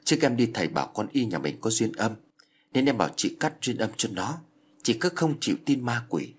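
A man's voice: mid-range voice, very animated, brisk, slightly rough. A man doing a pushy, superstitious aunt. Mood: scolding. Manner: urgent, scolding persuasion.

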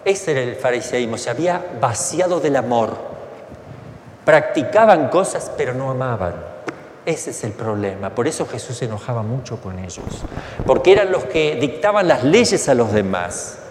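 Animated priest preaching. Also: male voice, medium pitch, normal speed. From Argentina. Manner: animated, asks rhetorical questions, colloquial. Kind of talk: sermon. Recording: echoey hall, faint background noise.

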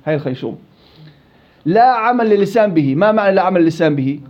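Brisk Levantine male recitation teacher. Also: high-pitched, lively intonation, muffled recording. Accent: Levantine Arabic. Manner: quizzes students and praises answers; stretches out example words slowly. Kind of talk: classroom teaching.

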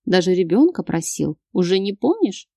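A woman's voice: lowish voice, very animated, normal speed, creaky, mellow, no echo, exaggerated voice. A woman reading an audiobook, voicing a scheming wife with a sing-song, mocking manner.

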